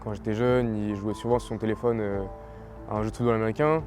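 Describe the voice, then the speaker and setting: A fast-talking young man of twenty from French Guiana, fairly low-voiced, describes his sporting journey in a casual interview. He speaks plainly and at ease, with fillers, while faint music plays beneath.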